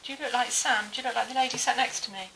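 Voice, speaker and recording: Female paranormal investigator, higher pitch, putting questions to spirits, clearly noisy hissy recording. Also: racing, pushed and bright. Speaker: ghost hunt investigator. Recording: hissy, noisy live location audio.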